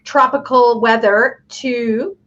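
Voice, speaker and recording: A woman in her fifties, born in Chile, chatting as a guest on a video call in a friendly, thoughtful way with pauses. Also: fairly high pitch, steady tone, a bit bright, a little hiss or hum. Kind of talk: casual video call chat. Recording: dull lo-fi call audio.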